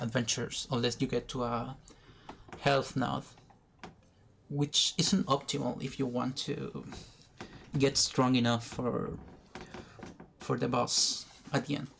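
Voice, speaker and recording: A man giving educational commentary over a card game, thinking aloud slowly, pausing often and restarting his sentences. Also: medium pitch, gravelly. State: has the hiccups. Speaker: gaming video creator. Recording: faint background noise, poor recording.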